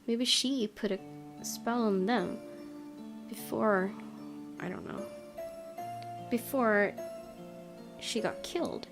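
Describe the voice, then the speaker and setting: A woman streamer with a slightly high voice reads a visual novel aloud slowly, leaving long pauses. She adds casual, musing commentary and hesitant asides in this let's play, with faint game music behind her.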